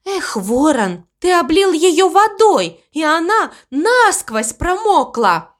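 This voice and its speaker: A woman voicing a calm, motherly cow in a storybook reading, coaxing and patiently explaining. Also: very high voice, slow pace, pitched above the performer's own voice, exaggerated voice.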